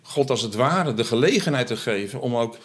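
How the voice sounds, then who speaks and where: A man talking in a reflective, hesitant way about faith in a casual conversation, with many pauses and fillers. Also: mid-range voice, animated.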